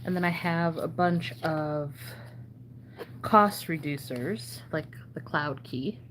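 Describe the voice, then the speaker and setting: A woman chatting casually and haltingly as a channel host, her throat sore and swollen-sounding, often needing clearing. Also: deep voice, a bit bright. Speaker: trading card channel host. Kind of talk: casual chat while sorting cards. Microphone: phone camera. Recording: noticeable background noise.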